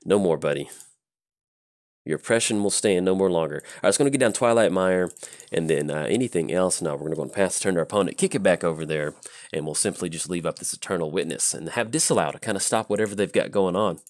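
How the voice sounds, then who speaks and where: A man's voice: sits low, fast, dry recording. A man hosting his channel, chatting casually through a card game with rambling stories and many fillers. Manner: rambling, relaxed, lots of fillers.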